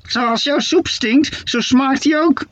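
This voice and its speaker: A man voicing a shrill, bickering old witch who screeches scornful insults in a storybook reading. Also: slow pace, fairly bright tone, lo-fi sound, exaggerated voice.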